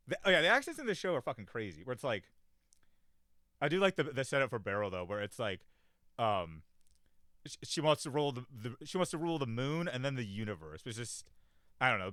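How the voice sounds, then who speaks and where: A man's voice: mid-range voice, fairly bright tone, dry recording, clean studio sound. A man hosting a casual solo commentary, rambling through his thoughts with many fillers and an offhand, self-deprecating manner. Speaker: show host.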